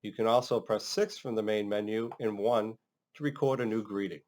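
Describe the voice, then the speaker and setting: A man's voice: lowish voice, moderate pace, darkish tone. A man working as a trainer, narrating an instructional demonstration in a casual, step-by-step way. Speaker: phone system trainer.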